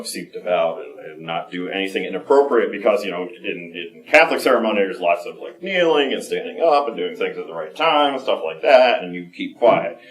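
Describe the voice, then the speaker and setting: A man giving a candid personal talk at a conference, halting and full of fillers and restarts. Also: fairly low pitch. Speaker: conference speaker. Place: conference room. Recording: echoey room, mic from a distance.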